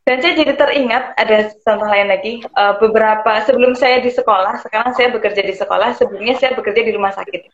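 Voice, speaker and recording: A woman who explains things conversationally and pauses often to search for words. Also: fairly high pitch, a little hiss or hum. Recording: roomy, dull lo-fi sound.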